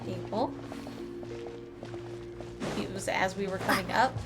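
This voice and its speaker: Over game music, a woman with a medium-pitched voice and vocal fry takes it slowly as she streams a game live. She casually reads out the in-game text and offers brief thoughts as she plays.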